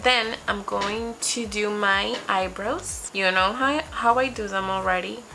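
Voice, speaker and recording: Seated at her desk on webcam in a small room with a patterned wall, a young Spanish-speaking beauty vlogger talks her way through applying makeup. Her mid-range voice is steady, gravelly and sharp, a little slow. Faint music plays behind her, and the audio quality is poor.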